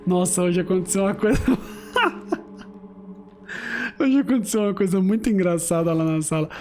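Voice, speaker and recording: A man's voice: high voice, normal speed, dark tone, a little hiss or hum. A man chatting casually while streaming a video game at home, telling stories with slang and frequent laughter. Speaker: gaming streamer. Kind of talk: casual let's-play commentary.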